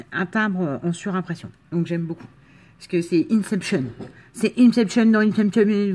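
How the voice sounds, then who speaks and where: A woman from the Marne with a slight northern French accent, chatting casually and enthusiastically as she unboxes crafts, with frequent fillers and laughs. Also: on the low side. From Marne, France. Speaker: crafting vlogger.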